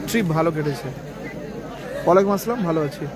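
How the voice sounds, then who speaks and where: A man's voice: a little high, expressive, fast talker. A man giving live football commentary and chatting to online viewers. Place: outdoors at a local football ground. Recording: loud crowd at an outdoor match. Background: loud crowd noise.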